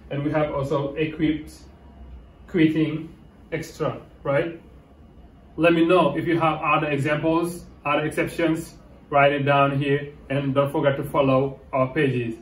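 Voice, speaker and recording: Senegalese man teaching English, slow and roomy. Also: fairly high pitch, distant mic. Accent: Senegalese French. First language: Wolof. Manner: mixes French and English, checks in with "okay?". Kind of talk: whiteboard grammar lesson. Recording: roomy sound from away from the mic.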